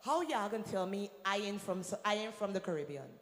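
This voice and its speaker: Guyanese woman, singer doing stage banter, lively crowd calls, mid pitch, big reverberant hall. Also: brisk. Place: large venue on stage. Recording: echoey hall with long reverb.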